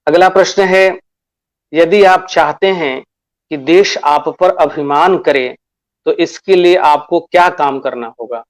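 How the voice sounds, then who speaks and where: Slow, deliberate male teacher. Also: on the high side. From Bihar, India. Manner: slow and deliberate, addresses pupils as children; repeats key phrases and asks questions to himself. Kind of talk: classroom lesson.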